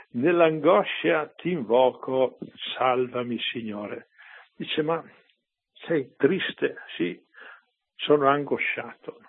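Male priest delivering a chatty homily, husky voice, heard as a tinny, phone-thin radio broadcast. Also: mid-range voice. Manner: conversational, with rhetorical asides to listeners. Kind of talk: preaching a homily on the readings.

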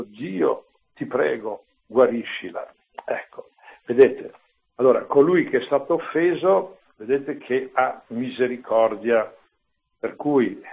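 Man, priest, conversational homily, rhetorical asides, gravelly, thin phone-like sound. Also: mid-range voice. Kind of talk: Bible commentary, homily. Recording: tinny phone-like line.

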